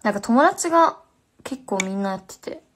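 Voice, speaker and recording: A woman's voice: on the high side, animated, normal speed, fairly bright tone, a little hiss or hum. A young woman with a Fukuoka accent chatting casually on a phone livestream, slangy and answering viewer comments. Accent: Fukuoka Japanese.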